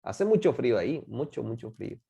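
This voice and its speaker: Lively, mellow-voiced teacher. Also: medium pitch, vocal fry, husky. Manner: drills words slowly and quizzes the class with questions. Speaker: English teacher. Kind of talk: classroom instruction in Spanish and English.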